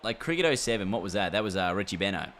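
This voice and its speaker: Male streamer, deep voice, chatty play-by-play over a game, steady background noise. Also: racing. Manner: chatty, reacts aloud to the game and answers chat. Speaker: gaming streamer. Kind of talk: casual livestream chat while playing.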